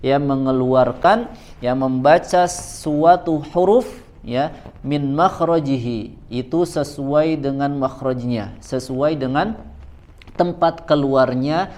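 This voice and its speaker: Teaching Quranic recitation to a congregation, a mid-range male voice moves at a measured pace, ending nearly each phrase with a gentle "ya".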